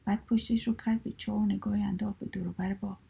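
A woman reading a story aloud in a soft whisper. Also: mid-range voice, little pitch movement, vocal fry, slightly rough.

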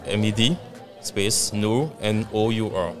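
A man's voice: fairly low pitch, measured pace, faint music behind. A man from Ivory Coast with an Ivorian French accent, answering questions as an interview guest. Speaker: guest speaker, author and entrepreneur.

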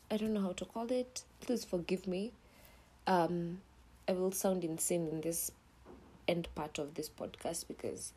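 A woman's voice: deep voice, warm tone, slightly rough. A young woman with a Kenyan accent hosting her own podcast in a casual, blunt monologue, swearing freely and mixing in Swahili slang, sometimes dropping to a near whisper. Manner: drops to a whisper at times. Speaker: podcast host.

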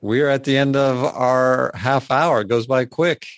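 A man's voice: medium pitch, steady tone, a little slow, clear, resonant tone, no echo. A man hosting a weekly community radio show, chatting casually and laughing easily with his guests.

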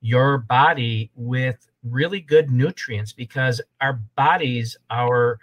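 A man's voice: medium pitch, slow, a bit bright, rough recording. A man in his sixties, a holistic health coach, talking as a podcast guest and repeating his points in a rambling way. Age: 60s. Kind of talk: casual podcast conversation.

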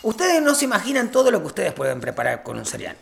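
A woman with an Argentine accent co-hosting a playful game chat, teasing and loud, stumbling over words when rushed. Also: fairly low pitch, huge pitch swings, creaky, a crowd in the background. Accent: Argentine Spanish. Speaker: co-host.

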